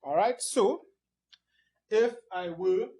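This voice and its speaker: A man with a high-pitched voice teaches poetry at an unhurried pace. He explains patiently and leans hard on single syllables to show where the stress falls. He marks up a board as he goes. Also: mellow, poor audio. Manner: annotates a board or screen as he talks.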